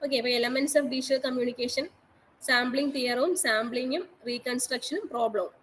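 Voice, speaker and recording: A woman's voice: high-pitched, normal speed, a bit bright, slight background noise, rough recording. A woman college teacher giving an online lecture, repeating each instruction and mixing English technical terms into her speech. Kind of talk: online class lecture on exam syllabus.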